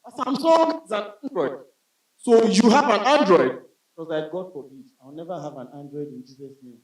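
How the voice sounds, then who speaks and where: A man's voice: high voice, moderate pace. A man doing stand-up comedy on a club stage in a chatty style, addressing the crowd as bro. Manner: conversational, addresses the audience as bro. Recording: roomy club sound from a distance.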